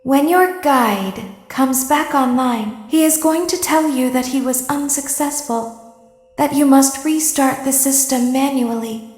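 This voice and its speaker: A woman voicing an eerie female animatronic in a horror game, speaking deliberate, ominous warnings. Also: high voice, darkish tone. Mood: calm, ominous warning. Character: small, eerie, soft-spoken female animatronic giving warnings. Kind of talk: scripted horror game dialogue. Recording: echoey hall with long reverb. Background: faint music.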